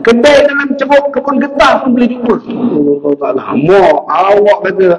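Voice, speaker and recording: High-voiced Malaysian preacher in echoey hall. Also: male voice, normal speed. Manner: storytelling, frequent pious interjections, lively. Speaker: religious teacher. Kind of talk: casual sermon. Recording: echoey room, voice from a distance.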